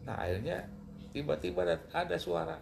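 A middle-aged man with a gravelly, creaky voice tells his own story as an interview guest. He speaks with emotion, and his pitch swings widely as he builds toward outbursts. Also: brisk. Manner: emotional, animated retelling with rising outbursts. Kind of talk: personal storytelling in conversation.

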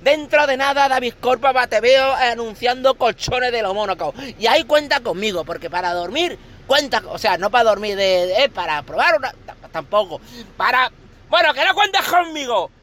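A man's voice: very high-pitched, animated, moderate pace, a bit bright. A man delivering a comic rant monologue, full of exaggerated mock outrage and repeated catchphrases, as a podcast co-host.

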